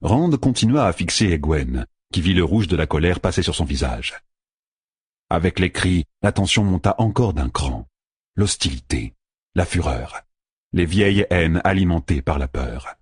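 A man narrates a fantasy audiobook in expressive storytelling, often dropping low for suspense. His voice is low and husky, with a lively rise and fall. The recording is dry and close. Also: dry recording.

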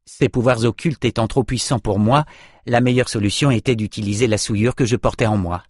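A man playing a calm, wry male hero. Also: lowish voice, fairly quick, no room sound, clean studio sound, natural voice. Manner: calm, matter-of-fact explaining.

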